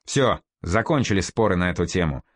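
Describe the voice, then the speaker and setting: A man's voice: low voice, lively intonation, a little fast, no echo, clean studio sound. Man doing a stern veteran commander. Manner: sharp, drill-sergeant orders. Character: stern scarred male commander, curt and commanding.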